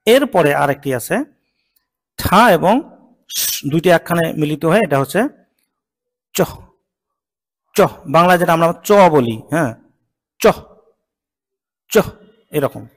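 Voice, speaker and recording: A man teaching English consonant sounds in a slow lesson. He says each sound patiently and repeats it several times. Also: on the high side, expressive, big-room sound. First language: Bengali. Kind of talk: slow spoken pronunciation lesson.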